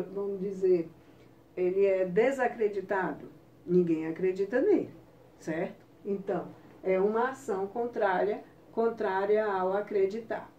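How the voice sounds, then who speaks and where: A woman's voice: mid-range voice, dark tone, far from the mic. A woman teacher with a Brazilian Portuguese accent, patiently explaining a lesson and checking in with her class often. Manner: slow, patient explaining with frequent check-ins. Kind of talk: recorded online class lesson. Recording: roomy, off-mic with faint ambience.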